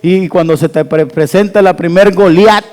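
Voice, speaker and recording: A male pastor, preaching an animated sermon with call-and-response to his congregation. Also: sits high, normal speed. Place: church hall. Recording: church hall with long reverb.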